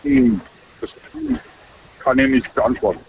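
Ein Mann ruft bei einer Radiosendung an und antwortet knapp und locker. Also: male voice, medium pitch, lively intonation, unhurried, gravelly. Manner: brief, casual answers. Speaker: caller. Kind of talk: phone call to radio show. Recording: muffled phone line, faint hiss.

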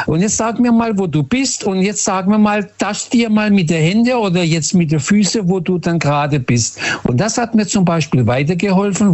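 A man from Portugal talks in German, his voice sitting a little high for a man. He tells his stories earnestly and reflectively, pausing often with small hesitations. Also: darkish tone, dull audio. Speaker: interviewee. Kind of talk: casual storytelling conversation.

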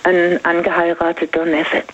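An older woman calling in, confiding personal matters in halting phrases with pauses. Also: lowish voice, completely flat delivery, a little hiss or hum. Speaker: caller. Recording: dull phone line.

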